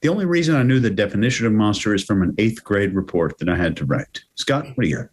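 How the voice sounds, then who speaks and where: A man's voice: fairly low pitch, animated, quick pace. Panel guy, jokey then kinda lecture-y about word meanings. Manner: joking, then lecturing through definitions. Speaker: panel analyst. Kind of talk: casual panel commentary.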